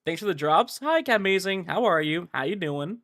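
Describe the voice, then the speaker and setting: A man livestreams a gacha game, offering casual, slangy commentary packed with filler words. His voice is high and expressive, slightly bright, and he talks a little fast.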